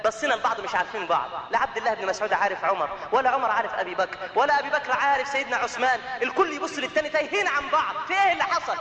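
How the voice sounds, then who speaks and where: A man with an Egyptian Arabic accent preaching an emotional sermon, telling a story with dramatic swings in pitch and loudness. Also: rapid-fire, hardly any pauses, a crowd in the background. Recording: echoey hall with long reverb.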